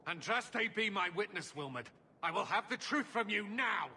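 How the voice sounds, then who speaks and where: An actor playing a commanding, dutiful Templar knight-captain, formal and earnest in a fantasy video game. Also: male voice, high-pitched, expressive, normal speed, sharp tone, a little hiss or hum, exaggerated voice. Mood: angry, demanding.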